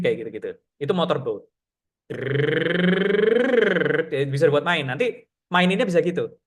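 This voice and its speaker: A man teaching public speaking in a casual, chatty way, often pausing on fillers and acting out breathing and lip-trill exercises. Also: medium pitch. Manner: chatty, filler-heavy, demonstrates breathing and sounds; says he has a radio announcer's voice. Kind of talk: casual online workshop lesson.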